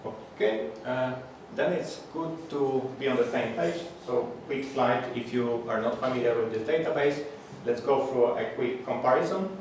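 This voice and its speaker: A man's voice: mid-range voice, moderate pace, hardly any pauses. A man in his thirties from Poland with a Polish accent gives a technical conference talk. His delivery is plain and hesitant, with frequent fillers and restarts. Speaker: conference speaker. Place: large echoey conference room. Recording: echoey hall, distant, audible background noise.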